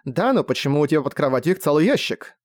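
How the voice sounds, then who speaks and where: A man's voice: a little high, big pitch swings, quick pace, no echo, clean studio sound. A man playing a flustered young mage. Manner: bewildered, then pleading.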